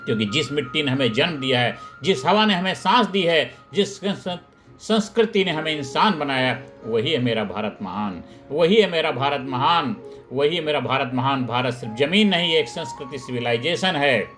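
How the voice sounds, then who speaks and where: A man delivers a rousing motivational speech in a mid-range voice. He repeats his lines in a steady chanting rhythm. Soft music plays quietly underneath. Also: mid-range voice, normal speed. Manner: rousing, repetitive chanting of slogans. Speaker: motivational speaker. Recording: faint background music.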